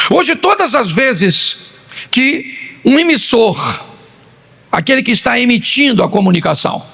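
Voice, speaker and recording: Gravelly, high-voiced joking preacher. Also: male voice. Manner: animated, joking storytelling with acted-out quotes. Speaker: pastor. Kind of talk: humorous sermon.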